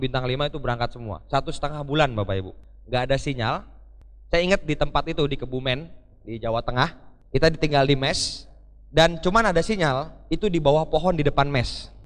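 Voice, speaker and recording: Higher-voiced man speaking in a reverberant hall. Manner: lively storyteller who acts out quoted dialogue and keeps addressing the audience. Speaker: motivational speaker. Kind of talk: live stage talk to an audience. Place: large event hall. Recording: live hall recording with long reverb.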